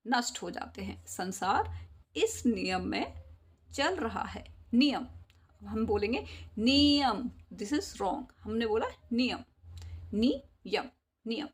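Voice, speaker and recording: A woman teacher who sings a poem, then explains spelling slowly, repeating each word syllable by syllable. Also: on the high side, husky. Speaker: school teacher.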